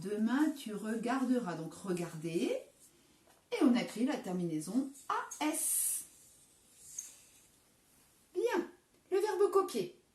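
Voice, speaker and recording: A French woman teaching young children in a recorded lesson, patient and clear as she spells out word endings letter by letter. Her pitch sits fairly high and moves a lot, with a mellow tone. The sound is roomy and echoey, picked up by a camera some distance away. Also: big pitch swings, slow, pauses often. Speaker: primary school teacher.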